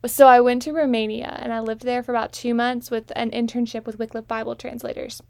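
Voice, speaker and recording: A woman's voice: a little high, level tone, brisk, creaky, a little mellow, no echo. Chatty young woman host, dry close sound. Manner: chatty, anecdotal storytelling with frequent small laughs. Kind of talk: casual chat.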